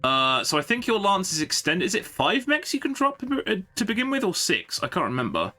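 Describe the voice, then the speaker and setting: Lively, bright-voiced man streaming a game. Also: sits high, a little fast. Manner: rambling and chatty, thinking aloud to viewers. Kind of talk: casual live-stream chat.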